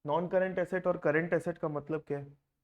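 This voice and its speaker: Brief: male classroom teacher, slightly high voice, questions the students as he explains, English terms mixed into his Hindi. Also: fairly even intonation, measured pace, narrow, tinny audio. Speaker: accounting teacher. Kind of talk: classroom lecture.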